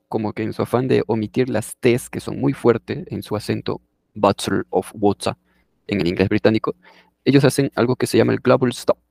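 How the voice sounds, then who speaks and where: Gravelly-voiced man teaching English. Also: mid-range voice, a little mellow, no echo, studio quality. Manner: conversational, checks in with "no?" often. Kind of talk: explaining a lesson.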